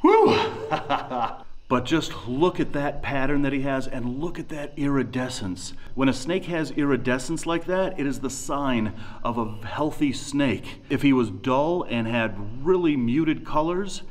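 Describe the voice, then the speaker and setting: A man's voice: medium pitch, unhurried. A man in his forties hosting a wildlife adventure vlog, speaking emphatically and informally to viewers. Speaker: wildlife adventure show host. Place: inside a rocky cave. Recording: echoey cave, music behind.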